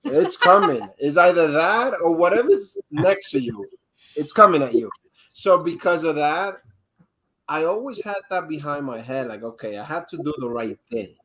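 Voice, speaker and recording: A man from the Dominican Republic, a guest on a live interview, telling his own story in a halting way with many restarts and fillers. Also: on the high side, very animated, a bit bright, rough recording. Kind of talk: candid personal storytelling.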